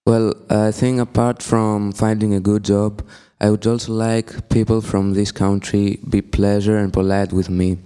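A teenage boy from Greece, answering haltingly with many pauses. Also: lowish voice, flat delivery, warm tone, smooth. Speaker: student guest.

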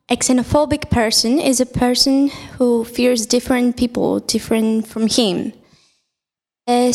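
A woman's voice: on the high side, darkish tone. A woman from Greece, explaining her answers carefully. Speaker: podcast guest. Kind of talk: casual discussion answers. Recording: reverberant room.

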